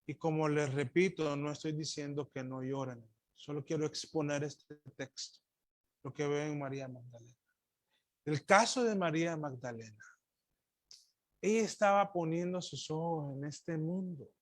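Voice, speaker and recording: A man preaching a sermon, calling his listeners brothers and asking rhetorical questions, moving from loud emphatic lines to quiet murmured asides. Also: on the high side, normal speed, dry recording. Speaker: pastor.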